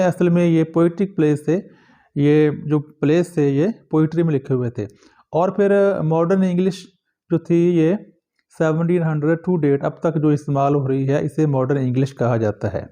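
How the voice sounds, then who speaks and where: A male teacher giving a recorded lecture to students, reading English passages slowly and then explaining each one. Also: on the high side, dark tone. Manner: addresses students directly.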